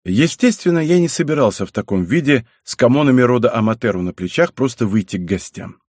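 A man narrating an audiobook in the first person, his mid-pitched voice rising and falling with plenty of movement. The recording is close and dry, with no room sound. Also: expressive, a little fast, a little mellow, dry recording.

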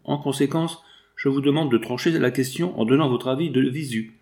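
A man's voice: medium pitch, brisk, vocal fry, darkish tone, pitched above the performer's own voice, natural voice. A man voicing a courteous middle-aged male industrialist and father, speaking in formal, old-fashioned phrases. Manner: formal, courteous nineteenth-century speech.

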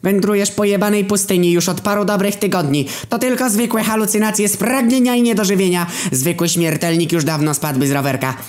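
A man voicing a cynical, unhinged male friend with angel blood, who speaks flatly and bluntly. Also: sits high, a little fast, few pauses, voice pushed up, lightly acted. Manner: flat and matter-of-fact, even about violence. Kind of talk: storytelling.

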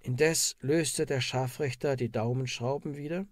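Mann liest altes gerichtsprotokoll vor, ruhig und feierlich, ganz trockener klang. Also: male voice, mid-range voice, steady tone, a little slow, dry recording, studio quality. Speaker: narrator. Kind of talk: reading of a historical court record.

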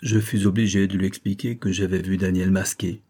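A man reading a nineteenth-century novel aloud as an audiobook narrator, with a measured storytelling delivery. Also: sits low, little pitch movement, warm tone.

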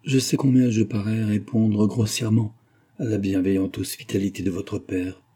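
A man voicing a proud, brooding gentleman traveller in his forties, read in an audiobook with a grave, husky, tormented delivery. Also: lowish voice, flat delivery, normal speed. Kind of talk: audiobook reading of a novel.

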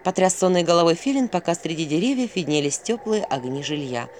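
Expressive fairy-tale narrator, lively pitch. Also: a little fast, slight background noise. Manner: expressive storytelling. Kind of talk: audiobook reading of a fairy tale.

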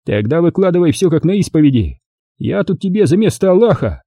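A man voicing a brutal, loud army brigade commander who talks harshly and threateningly in an audiobook. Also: on the high side, sing-song, fairly quick, breathy edge, no echo, pitched above the performer's own voice, full character voice. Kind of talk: audiobook character voice.

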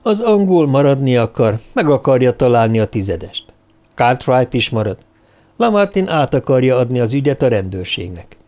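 A man's voice: mid-range voice, big pitch swings, a little mellow. A man voicing a tired, indifferent woman in an audiobook, speaking in a raised, weary tone. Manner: weary, detached.

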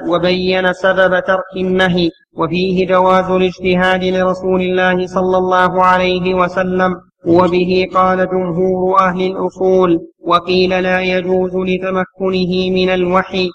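Male student reader, high voice, flat reading, dull lo-fi tape. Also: a little hiss or hum. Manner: steady recitation of a written text. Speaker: student reading the text aloud. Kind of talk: reading a text aloud in class.

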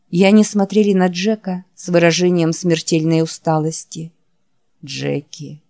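A woman reading an audiobook in a measured, dramatic narration. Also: fairly low pitch, mellow. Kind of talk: scripted narration.

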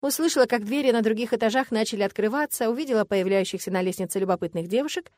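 Woman narrator for a first-person fantasy audiobook, high voice, dry close sound. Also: racing, a little mellow, no echo.

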